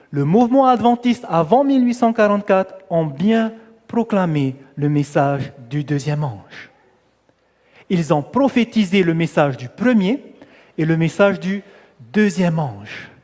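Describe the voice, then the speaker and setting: A man's voice: a little high, a little mellow, long reverb tail. A man preaching a sermon, putting questions to his listeners and stressing key words as he answers them. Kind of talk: sermon teaching.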